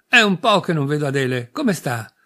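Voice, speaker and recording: A man putting on a nosy, gossipy neighbor woman from an audiobook, chattering along and digging for news. The voice rides higher and brighter than his plain reading, prying and lively. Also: moderate pace. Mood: insistent.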